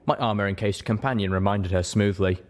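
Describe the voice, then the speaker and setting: Reading a fan fiction aloud, this audiobook-style narrator delivers scripted first-person narration at a fairly quick pace. His voice is on the low side, and a faint background noise can be heard.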